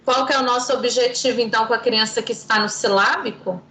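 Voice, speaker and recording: A woman's voice: a little high, fairly even intonation, quick pace, sharp tone, echoey room, low-quality recording. A woman teaching an online class, patient and didactic, quizzing her students.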